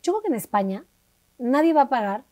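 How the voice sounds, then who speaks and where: Animated Mexican woman telling a story. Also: high-pitched, a little fast, no room sound. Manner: animated, acts out quoted dialogue with shifting voices. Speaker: interview guest. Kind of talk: conversational storytelling.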